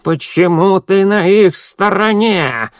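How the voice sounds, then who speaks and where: A man in an audiobook voicing a sinister old woman with a creaky, hoarse voice, speaking slowly and insistently. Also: sits high, animated, no room sound, clean studio sound, voice pushed up. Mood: pleading. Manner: slow, pleading, insistent questioning. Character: sinister croaking old woman, undead messenger. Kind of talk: audiobook narration.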